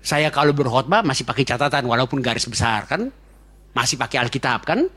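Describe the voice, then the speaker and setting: Male pastor, quick and chatty, jokes through his sermon. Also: medium pitch, lively intonation, a bit bright, husky. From Indonesia. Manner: fast-talking, joking, chatty storytelling.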